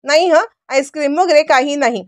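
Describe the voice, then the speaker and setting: Sharp, scolding young wife, put on by a woman narrator; high pitch. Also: fairly quick, no echo, studio quality, close to an everyday voice. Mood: annoyed.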